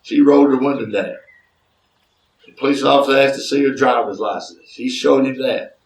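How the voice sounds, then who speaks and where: In a Southern accent, a man from Chambers County, Alabama, spins a folksy family story with drawling asides, speaking at normal speed with a medium pitch. The recording sounds roomy, with him distant from the mic.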